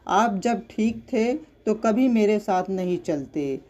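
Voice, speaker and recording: A narrator reading the lines of a young married woman who is emotional and demanding, in a slow, even voice. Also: medium pitch, lo-fi sound. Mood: pleading.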